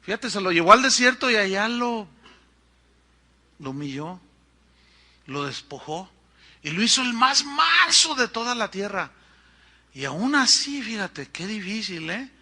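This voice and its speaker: A middle-aged man with a Mexican accent preaching a sermon, telling stories in an animated way and acting out the people in them. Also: high voice, measured pace, long pauses. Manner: animated storytelling with acted-out quotes. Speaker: pastor.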